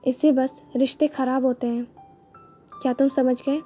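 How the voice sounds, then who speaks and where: A woman voicing a gentle, caring young elder sister in a read-aloud story, speaking softly and patiently. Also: high voice, flat delivery, moderate pace, dull audio, soft background music, close to an everyday voice.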